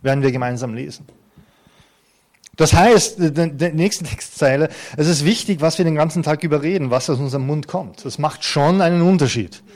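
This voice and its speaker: A man's voice: fairly high pitch, moderate pace, darkish tone. A man in his fifties preaching an earnest, conversational sermon to a congregation, with touches of light humor. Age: 50s. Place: church hall before a congregation.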